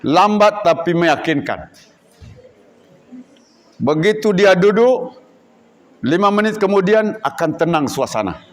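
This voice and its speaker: A man who leads an Indonesian boarding school, giving a religious lecture to students and acting out examples, at times loud, at times hushed. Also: high voice, slow, long pauses. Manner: animated, acts out examples, shifts between loud and hushed. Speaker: Islamic boarding school leader.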